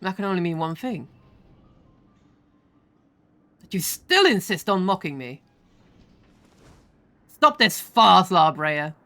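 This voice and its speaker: A woman's voice: on the low side, very animated, brisk, fairly bright tone. A woman reading the lines of a bitter, earnest young male mage in a solemn, old-fashioned way.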